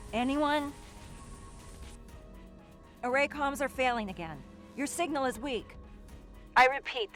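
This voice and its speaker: An actress playing a female starship captain in danger in a sci-fi video game, commanding and composed, with clipped, measured military delivery. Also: a little high, a bit bright, close to an everyday voice. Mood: urgent mayday. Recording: game dialogue over background music.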